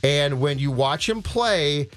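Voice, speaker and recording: A man's voice: on the high side, lively intonation, slow, fairly bright tone, faint music behind. An American man in casual sports talk as an opinionated, emphatic radio co-host.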